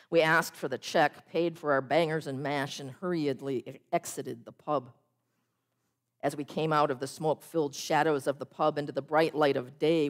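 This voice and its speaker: A woman preaching a sermon, telling a story in a measured way and slowing down on key phrases. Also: low-pitched.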